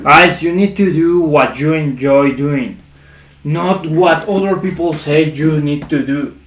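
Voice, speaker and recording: A man's voice: a little high, slow pace, slight background noise. A man hosting a livestream in casual chat, talking like a hyped-up gym bro and repeating his phrases. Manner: hype gym-bro talk, repeats phrases, often says bro. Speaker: livestream host.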